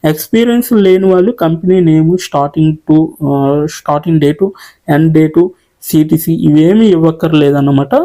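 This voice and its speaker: A channel host walking viewers step by step through an online job application, reading each English question slowly and then explaining it patiently. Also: medium pitch, dark tone. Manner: patient, repetitive explaining, listing options one by one.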